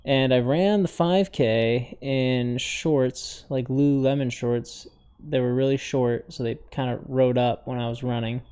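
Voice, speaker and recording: A man's voice: mid-range voice, unhurried, few pauses, dark tone, smooth. A young man co-hosting a podcast, telling stories in a laid-back, joking way full of fillers. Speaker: podcast co-host. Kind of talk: casual chat.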